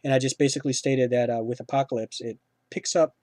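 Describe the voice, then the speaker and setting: A man's voice: medium pitch, steady tone, fast talker, darkish tone, dry recording. Guy hosting a movie review chat, lots of ums and restarts, dry close sound. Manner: rambling, many fillers and restarts. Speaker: film review host.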